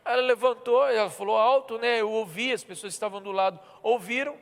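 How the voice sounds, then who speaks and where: A pastor with a Brazilian Portuguese accent from Minas Gerais preaches a sermon in a reverberant church hall. His high, slightly bright voice moves briskly as he tells a personal story and acts out the people in it.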